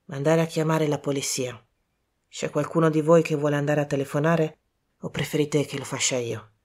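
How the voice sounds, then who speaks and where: Woman reading as an older male detective, low voice, hushed, slow and measured, grave, audiobook. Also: steady tone.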